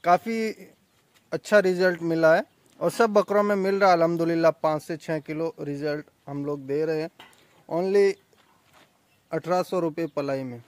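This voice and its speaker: A man's voice: fairly high pitch, steady tone, normal speed, no echo. Chatty young man selling goats. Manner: chatty, boastful sales talk. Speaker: goat farm owner and vlogger. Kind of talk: casual promotional farm vlog. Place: outdoor goat farm pen.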